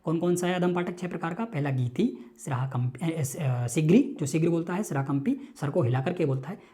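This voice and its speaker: Low-voiced lady teacher going over sanskrit verses, repeats stuff, keeps asking if you got it. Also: dark tone. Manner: explains slowly, repeating terms and asking checking questions. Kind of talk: online lecture explaining a text.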